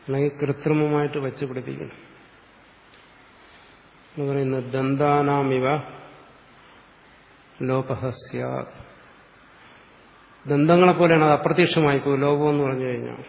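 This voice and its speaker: A man's voice: a little high, steady tone, a little fast, creaky, pauses often, big-room sound, slight background noise. A man with a Malayali accent teaching grammar, explaining step by step and putting questions to the class. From Kerala, India. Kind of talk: classroom lecture.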